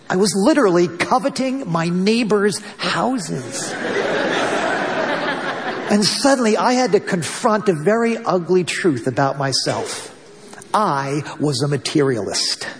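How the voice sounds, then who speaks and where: A middle-aged man preaching a sermon as pastor, conversational with light humor and occasional stammered restarts. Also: a little high. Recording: long hall reverb.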